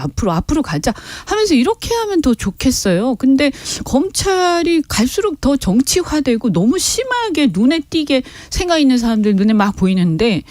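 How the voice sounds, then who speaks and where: A woman's voice: sits high, darkish tone, no room sound, clean studio sound. A woman guest on a radio talk show, giving frank, critical political commentary with emphasis. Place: radio studio. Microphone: studio mic.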